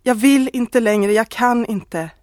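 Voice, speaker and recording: A woman's voice: a little high, darkish tone, no echo, natural voice. A woman voicing a married woman who confesses a love affair, earnest and pleading, close to tears. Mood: confessing.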